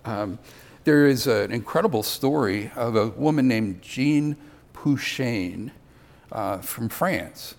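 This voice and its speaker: A man's voice: medium pitch, lively intonation, takes it slowly, creaky, a little mellow. An older man giving a conversational sermon, with self-deprecating asides. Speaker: preacher.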